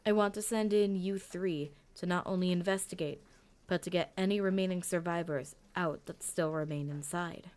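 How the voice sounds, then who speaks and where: A woman voicing a calm, measured older male leader of demon hunters in a storybook audio drama. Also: on the low side, lightly acted.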